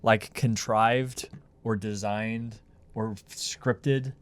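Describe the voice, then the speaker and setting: A man's voice: fairly low pitch, steady tone, very slow. A man co-hosting a casual podcast, dropping joking, wry asides. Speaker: podcast co-host.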